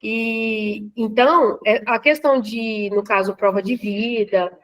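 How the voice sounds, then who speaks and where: A woman's voice: on the high side, steady tone, slow, fairly bright tone. A Brazilian woman talking casually in a lecture discussion, hesitant, with many fillers and restarts. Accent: Brazilian Portuguese.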